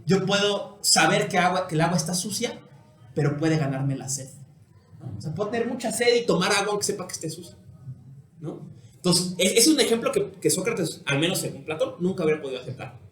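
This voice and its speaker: High-voiced Mexican lecturer. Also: male voice, a little fast. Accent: Mexican Spanish. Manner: animated, ends phrases with tag questions. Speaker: philosophy teacher. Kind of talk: university lecture. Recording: echoey room with faint noise.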